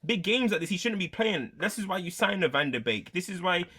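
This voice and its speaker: Male football panelist, London roadman accent and slang, fairly high voice, emphatic and heated. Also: animated, brisk, sharp tone, husky. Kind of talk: heated football fan debate.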